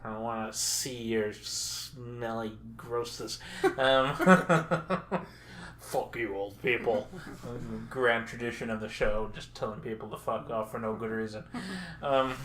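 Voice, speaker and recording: A man casually chatting on a podcast as co-host, halting with lots of filler pauses and dry, crude jokes. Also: medium pitch, a bit bright.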